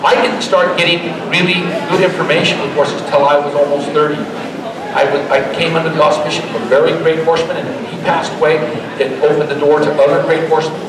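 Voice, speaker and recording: A man's voice: on the high side, fairly even intonation, fairly quick. Folksy showman in an echoey expo hall. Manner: folksy, joking, motivational showman. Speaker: horse trainer giving a live demo. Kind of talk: live demonstration and pitch to an audience. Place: large indoor horse expo arena. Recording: echoey expo hall, distant, crowd noise. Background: crowd.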